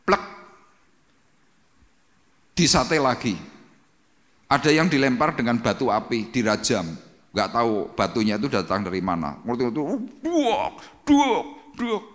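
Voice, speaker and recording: A man's voice: mid-range voice, normal speed, pauses often, a bit bright. A male pastor preaching dramatically to a congregation, acting out cries and sound effects. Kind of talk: Pentecostal sermon. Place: church hall. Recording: long church-hall reverb.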